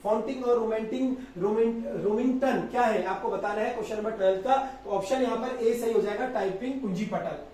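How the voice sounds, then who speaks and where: A man teaching as an exam coach, going over practice test answers and spelling words out slowly, with a filler he repeats often. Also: very high voice, fairly even intonation, warm tone. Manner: repetitive, drawn-out spelling of words, frequent filler "thik hai". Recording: very echoey room, distant mic, faint noise.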